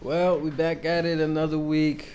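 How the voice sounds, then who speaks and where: A man's voice: on the high side, little pitch movement, moderate pace, a little mellow, slight background noise. A man co-hosting a podcast, talking in a laid-back way with lots of slang. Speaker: podcast co-host. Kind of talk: casual podcast chat.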